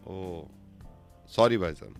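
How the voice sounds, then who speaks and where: A man's voice: low-pitched, very animated, takes it slowly, gravelly, music in the background. A male radio host making a prank phone call, stubbornly insistent and repeating himself with mock innocence.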